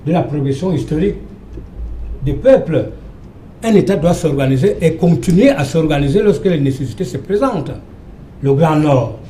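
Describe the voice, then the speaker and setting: A man's voice: a little high, dark tone, a little hiss or hum. Emphatic older man lecturing in echoey studio. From Cameroon. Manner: emphatic, lecturing, repeats phrases. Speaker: professor, debate guest. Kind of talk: televised panel debate.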